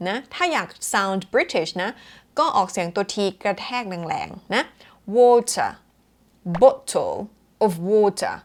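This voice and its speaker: A woman giving a casual pronunciation lesson, slowly demonstrating words over and over and mixing with English. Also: medium pitch, very animated, fairly bright tone. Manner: demonstrates words slowly and repeatedly, switching between Thai and English. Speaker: English teacher.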